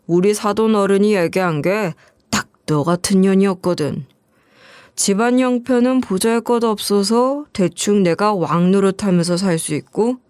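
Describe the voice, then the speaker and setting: A woman's voice: medium pitch, darkish tone, clean tone, no echo, clean studio sound, lightly acted. A woman voicing a greedy, scornful middle-aged ex-husband who wheedles and sneers in coarse speech.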